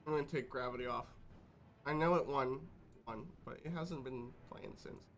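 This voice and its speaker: A man's voice: medium pitch, moderate pace, vocal fry. Laid-back man hosting a game stream. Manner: laid-back, dry short remarks. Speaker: streamer host. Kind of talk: casual game-stream banter.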